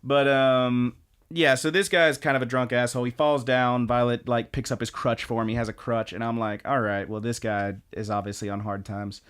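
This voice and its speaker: A man chatting on a podcast as he recaps anime episodes. He rambles, loose and animated, and jumps into excited voices when he quotes someone. His voice sits at an ordinary middle pitch. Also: moderate pace, clean tone. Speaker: podcast co-host.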